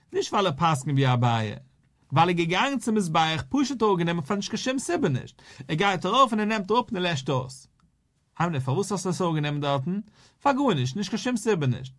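Rabbi in a sing-song Talmud lesson. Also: male voice, on the high side, lively intonation, brisk, fairly bright tone. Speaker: rabbi teaching daily Talmud page.

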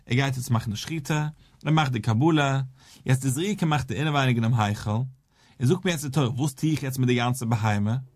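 A man's voice: mid-range voice, brisk, no room sound, studio quality. A rabbi teaching a daily Talmud lesson. He explains step by step, posing and answering questions in a sing-song study cadence.

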